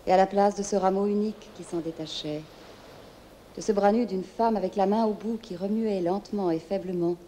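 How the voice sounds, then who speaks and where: A woman's voice: medium pitch, fairly even intonation, a little fast, warm tone, slight background noise, close to an everyday voice. A woman playing a serene, consoling moon spirit in a theatrical film monologue, speaking lyrically in dreamy, lingering phrases. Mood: contemplative, pitying.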